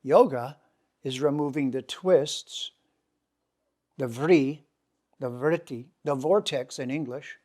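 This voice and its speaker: A man giving a lecture, asking the audience questions and answering them himself, slowing down to stress key words. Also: medium pitch, darkish tone. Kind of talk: lecture to a seminar group.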